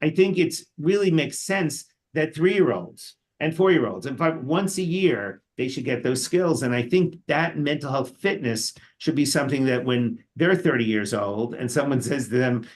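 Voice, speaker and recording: A man's voice: mid-range voice, expressive, normal speed, few pauses. An older man, telling a chatty anecdote on a panel with fillers and restarts. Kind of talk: storytelling on a panel.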